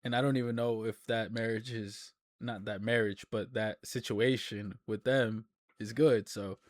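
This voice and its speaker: A man's voice: fairly low pitch, fairly even intonation, a little slow. A man casually reacting off the cuff in a slangy, incredulous way. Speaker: reaction video commentator.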